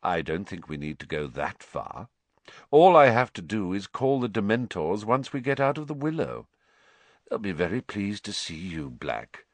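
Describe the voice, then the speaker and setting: A man's voice: mid-range voice, sing-song, a little slow, sharp tone, dry recording, voice pushed up, exaggerated voice. A man voicing a sneering, unhinged male schoolteacher who hisses silkily and shrieks in rage. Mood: silky menace. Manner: silky hiss rising to shrieks.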